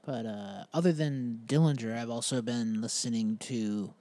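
A young man hosts a podcast and chats casually about bands, rambling and leaning heavily on fillers while laughing at himself. He has a mellow, mid-range voice at normal speed.

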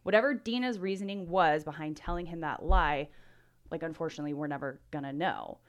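A woman's voice: deep voice, fairly quick. A woman co-hosting a true-crime podcast, telling the case in casual chat and laughing often. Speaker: podcast co-host.

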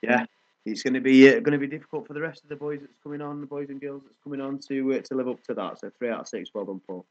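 A man's voice: medium pitch, quick pace. A man co-hosting a sports podcast with casual, blokey, matey banter. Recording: dull lo-fi audio.

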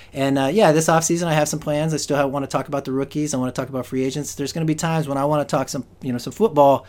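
A man with a fairly high, slightly mellow voice hosts a solo fantasy football podcast, rambling with many restarts and fillers while losing his voice.

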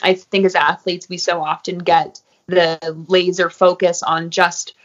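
A woman, a guest in an interview, talking casually and filling pauses with "um" and "you know.". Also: on the low side, flat delivery. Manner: friendly, many fillers like um and you know. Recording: muffled, lo-fi audio.

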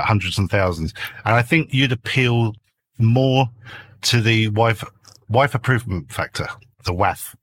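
Man, podcast guest, husky, low, jokey storyteller. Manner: jokey, animated storyteller who laughs often. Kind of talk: casual chat. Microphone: desk mic with noise cancelling.

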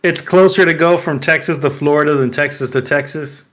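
A man's voice: on the high side, fairly quick. A man co-hosting a casual podcast, teasing his friends and laughing often. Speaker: podcast co-host. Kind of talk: casual chat.

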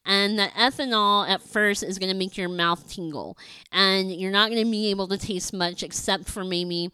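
A woman's voice: mid-range voice, moderate pace, bright, forceful tone, clear, resonant tone. A woman hosting a podcast, chatting casually and telling stories with frequent ums. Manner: chatty, storytelling, many ums. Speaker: podcast host.

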